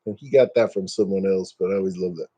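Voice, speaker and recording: Joking, warm-voiced man in his fifties. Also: low voice, fast talker, breathy edge, muffled recording. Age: 50s. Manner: joking, self-mocking, chatty. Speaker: live-stream host. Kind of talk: casual live-stream chat.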